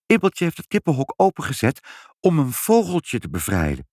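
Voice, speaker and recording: A man doing a quick, no-nonsense mother, lifted a little higher and lively in tone. She speaks with brisk resolve, husky underneath. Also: no echo, clean studio sound. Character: brisk, bold mother who was once a cat.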